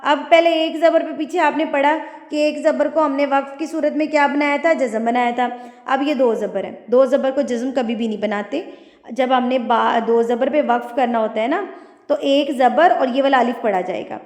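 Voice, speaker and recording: High-voiced woman teaching tajweed. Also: a little mellow. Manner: explains patiently, then recites slowly and drawn out. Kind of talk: teaching lesson with recitation. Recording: echoey room with long reverb.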